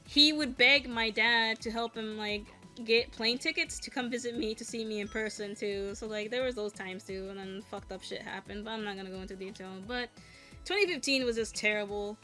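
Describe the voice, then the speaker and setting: A content creator in her late twenties talks casually and frankly while gaming, venting with lots of swearing and nervous laughter. Her voice is on the high side, fairly quick, bright and forceful, with faint music behind.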